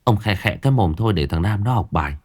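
A man's voice: expressive, fast talker, close to an everyday voice. A man voicing a poor, beaten middle-aged mother who pleads tearfully in a raised, strained voice. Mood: pleading. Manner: tearful, begging, high strained pitch.

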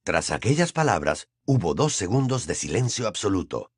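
A male narrator reading a novel aloud with lively, swooping intonation. His voice sits at a middle pitch and is recorded close and dry, with no room sound. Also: moderate pace, breathy edge, no room sound. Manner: expressive storytelling. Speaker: audiobook narrator. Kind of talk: scripted narration.

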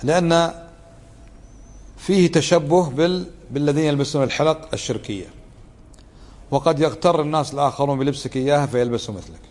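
A man's voice: on the high side, quick pace, long pauses, darkish tone. A man teaching a religious lesson, explaining a text in a conversational way, often asking the listeners to confirm and acting out tones of voice to show what they mean. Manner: acts out tones of voice to show meaning. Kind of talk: lesson commentary. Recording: long hall reverb.

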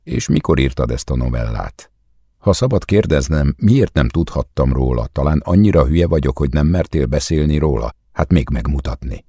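A man with a very deep, husky voice voicing a jealous young man who accuses and rants angrily in an audiobook. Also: animated, mellow, no echo, clean studio sound, exaggerated voice. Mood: angry accusing. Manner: angry, accusing, raised voice.

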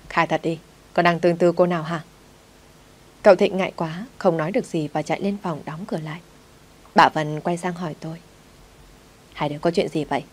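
A woman reading a family drama story aloud, speaking every character in the same steady narrating voice. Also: deep voice.

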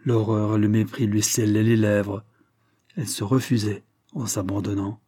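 A man giving a solemn, measured, expressive dramatic reading of a literary text. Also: lowish voice. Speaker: reader.

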